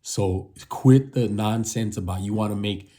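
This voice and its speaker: With a mellow voice on the low side and a measured pace, a U.S. boxing channel host in his fifties rambles casually. He repeats points and often closes his lines with "man."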